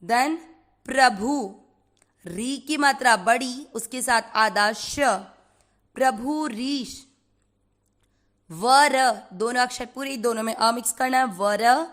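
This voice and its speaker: A woman from India leads a slow pronunciation lesson in a somewhat high voice. She takes her time over every syllable, spelling out each sound and then chanting the whole line. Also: a bit bright. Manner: slow, careful, repeats each syllable and chants the verse lines. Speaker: Sanskrit recitation teacher.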